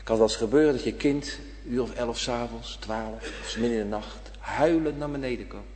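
A man preaching a sermon with great passion, dropping to a hush and then rising to a shout. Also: mid-range voice, fairly quick. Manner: impassioned preaching, swinging between hushed and shouted. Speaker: pastor. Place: church. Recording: church hall reverb.

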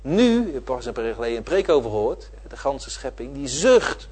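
Husky preacher with lively pitch. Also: male voice, moderate pace. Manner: emphatic, repeating phrases with swelling and dropping volume. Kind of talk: sermon.

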